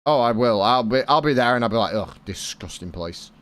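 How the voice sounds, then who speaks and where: A man's voice: mid-range voice, fast talker, clear, resonant tone. A British man streaming a game and chatting casually with his viewers, rambling and swearing freely. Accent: British English. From Britain. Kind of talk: casual chat with live viewers.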